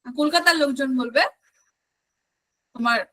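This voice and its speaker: High, bright-voiced woman teaching a class. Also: unhurried. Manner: explains step by step, asks the class questions. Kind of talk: online exam-prep lecture.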